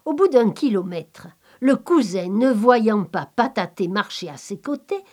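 A woman reading a folk tale aloud in a calm, measured, expressive storybook manner. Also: medium pitch. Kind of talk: slow storybook narration.

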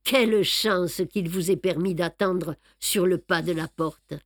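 A woman's voice: lowish voice, a little slow, dry recording, studio quality. A woman reading aloud and voicing a fussy, self-satisfied older male detective who boasts of his clever plans. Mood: boastful. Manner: boastful, explaining, lively emphasis. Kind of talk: audiobook reading.

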